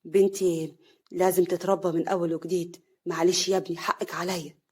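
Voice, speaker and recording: A woman voicing a stern older father from Upper Egypt, with a low, weary, commanding Upper Egyptian accent. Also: flat delivery, a little fast, a little mellow, slightly rough. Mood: regretful. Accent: Upper Egyptian Arabic.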